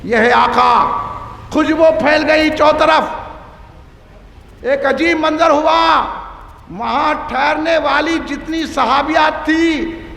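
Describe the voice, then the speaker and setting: A man preaching an impassioned sermon to a large gathering, shouting out repeated refrains. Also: extremely high pitch, vocal fry, pauses often. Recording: echoey hall with long reverb.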